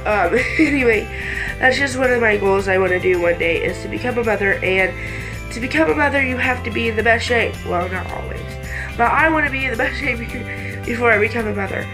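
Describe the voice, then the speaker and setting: Speaking on the high side and fairly quickly, a congested-sounding vlogger in her late teens, almost 18, chats casually and hesitantly to camera, easily distracted as she rambles. She's indoors in a small bedroom, with music underneath and a low-quality recording.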